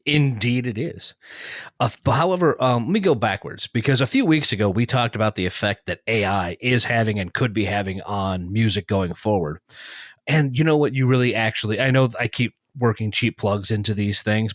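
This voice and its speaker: A man's voice: on the low side, no room sound, clean studio sound. A man co-hosting a music podcast, talking casually and reviewing chart songs with wry, sarcastic asides.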